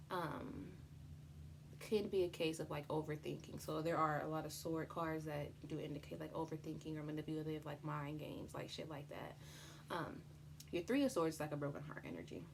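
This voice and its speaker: Casting: woman, low creaky voice, casual tarot tutorial host, chatty and sweary, noisy home recording. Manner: chatty, informal, swears freely. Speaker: tarot reader presenting a tutorial. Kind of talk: casual, unscripted explainer with slang.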